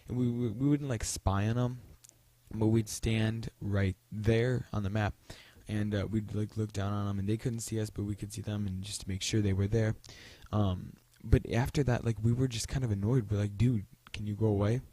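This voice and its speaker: A man's voice: on the low side, fairly even intonation, moderate pace, warm tone, no echo. Rambling young man telling a story. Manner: rambling, lots of fillers and restarts. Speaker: vlogger. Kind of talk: casual storytelling vlog.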